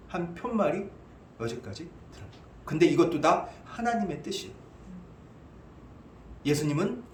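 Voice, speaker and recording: A male pastor preaching an expository sermon, animated, asking the congregation questions and answering them himself. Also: on the high side, a little hiss or hum. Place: church sanctuary. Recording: echoey church hall.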